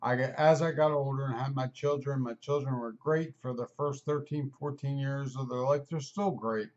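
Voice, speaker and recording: Candid middle-aged man, slightly muffled. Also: mid-range voice. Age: 50s. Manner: candid, rambling, talks fast on purpose. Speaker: vlogger. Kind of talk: personal video talk.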